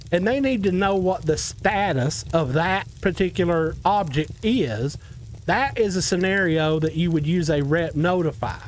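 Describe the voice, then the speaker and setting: A man's voice: high-pitched, slight background noise. A man with a Southern US accent hosting a casual game development tutorial stream, rambling and talking straight to his viewers with joking asides. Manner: rambling, talks to viewers, self-deprecating asides.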